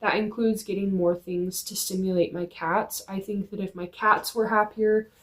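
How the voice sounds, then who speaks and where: A woman's voice: medium pitch, fairly even intonation, normal speed. A young woman talking to camera in a casual vlog, chatty and earnest with lots of "like", filmed on a phone on a tripod in a dim room at home. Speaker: vlogger. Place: dim room in her apartment.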